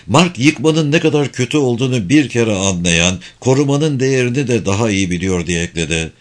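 A man reading a novel aloud as narrator, steady and expressive. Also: mid-range voice, brisk. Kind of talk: audiobook narration.

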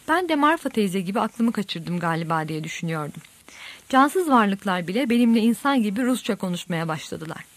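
A woman reading a novel aloud as an audiobook narrator, in a steady, measured storytelling manner. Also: a little high, no echo.

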